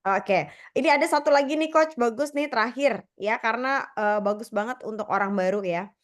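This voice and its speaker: A woman's voice: a little high, brisk. A woman moderating a casual online Q&A, reading audience questions and summing up the answers in a friendly, chatty way. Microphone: video call.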